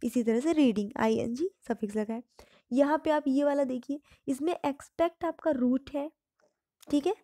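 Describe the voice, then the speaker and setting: A woman's voice: high voice, normal speed, dark tone, no room sound, clean studio sound. A woman teaching English grammar in Hindi, patiently explaining each term and repeating examples.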